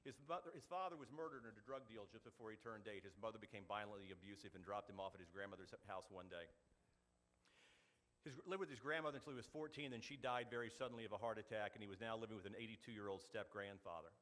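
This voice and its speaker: Middle-aged man, club speaker, quick-talking, bright forceful tone, storytelling speech. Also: on the low side. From Oklahoma. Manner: animated storyteller, quick delivery with punchy asides. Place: meeting hall.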